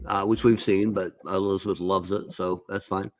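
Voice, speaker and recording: A man's voice: low voice, level tone, normal speed, no room sound. A man co-hosting a podcast, chatting casually in a wry, joking way. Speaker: podcast co-host.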